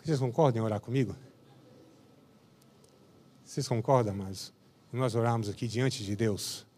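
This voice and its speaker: A man's voice: mid-range voice, normal speed, mellow. A man, preaching a sermon as pastor, with impassioned declarations and folksy, humorous storytelling.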